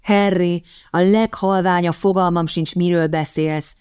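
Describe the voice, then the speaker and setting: A wry young gentleman, read by a woman. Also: lowish voice, fairly even intonation, smooth, dry recording, studio quality, natural voice. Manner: wry, measured.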